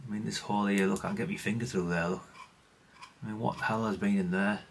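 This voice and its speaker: A middle-aged British hobbyist demonstrates a radio repair hands-on, rambling unscripted and casual, self-deprecating and a little sweary. His lowish voice is fast with fairly even intonation, and the audio is poor with slight background noise.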